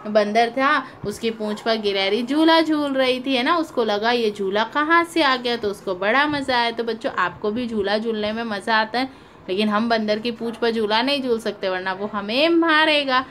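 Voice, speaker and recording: A woman's voice: on the high side, normal speed, a bit bright, a little hiss or hum. A woman teaching young children, reading a story aloud and repeating questions for her pupils. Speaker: primary school teacher.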